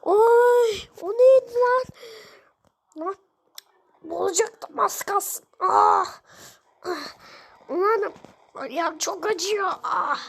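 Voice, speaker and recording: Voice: extremely high pitch, extremely slow, pauses often, exaggerated voice. A performer voicing a melon ragdoll in a sandbox game that whines and cries dramatically over every bump. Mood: whining. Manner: whining and crying, dramatic.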